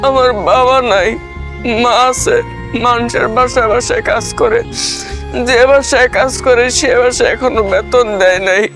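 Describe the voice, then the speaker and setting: Tearful schoolboy, soft and sorrowful, very high pitch, background music. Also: male voice, normal speed. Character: poor teenage student, tearful and pleading. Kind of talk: TV drama acting.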